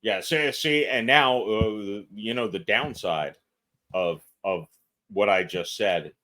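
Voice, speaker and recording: A man's voice: on the low side, slow, sharp tone. A man guesting on a podcast as an actor and filmmaker, talking casually and self-deprecatingly, laughing often. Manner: fidgety.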